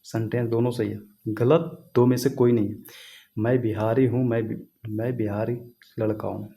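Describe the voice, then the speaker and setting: A man's voice: mid-range voice, steady tone, normal speed, vocal fry, mellow. A man teaching English grammar in a casual classroom style, repeating points and checking that students follow. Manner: repetitive, asks students questions, writes on a board.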